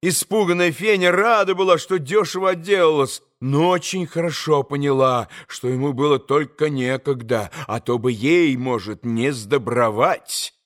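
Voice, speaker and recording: Expressive male audiobook narrator. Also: a little high. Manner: measured, expressive storytelling.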